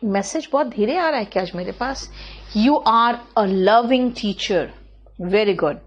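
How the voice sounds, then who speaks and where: A woman with an Indian accent teaching an English class online, reading students' sentences slowly and correcting them patiently, with fast asides in between. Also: mid-range voice, lively intonation, highs cut off. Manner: slow, drawn-out reading of English sentences, quick in Hindi asides.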